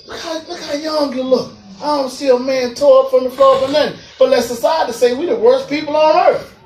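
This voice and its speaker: A man preaching to a group of parolees, animated, laughing and acting out voices as he goes. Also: very high-pitched, a little fast, soft background music. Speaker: prison minister. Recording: echoey room, mic far off.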